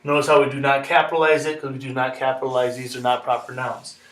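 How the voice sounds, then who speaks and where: A man's voice: mid-range voice, completely flat delivery, fast talker, fairly bright tone. A man teaching a chemistry lesson step by step, patient and repetitive, checking in with "okay?". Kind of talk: classroom lesson explanation. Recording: echoey room, mic far off.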